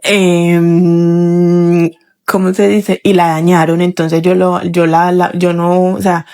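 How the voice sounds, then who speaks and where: A woman's voice: fairly low pitch, little pitch movement, slow pace, warm tone, smooth. A young woman telling a listener testimony in a voice message, rambling and emotional, often restarting her sentences. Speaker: podcast listener sharing a testimony.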